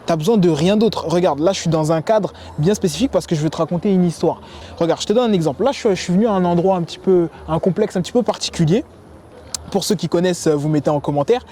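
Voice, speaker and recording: A young man who grew up in the United States gives dating advice to the camera in an energetic, slangy, spontaneous way, at a sports complex. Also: high-pitched, quick pace.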